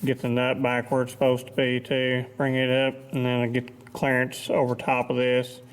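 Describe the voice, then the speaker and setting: A man's voice: mid-range voice, monotone, normal speed, low-quality recording. Plainspoken man explaining machine work. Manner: plainspoken, modest, matter-of-fact. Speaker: machinist presenting his repair work. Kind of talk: casual workshop explanation.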